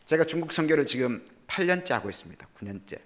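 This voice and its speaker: An older man, a missionary preacher, telling personal stories in an animated, humorous sermon that swings from loud to quiet. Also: on the high side, quick pace.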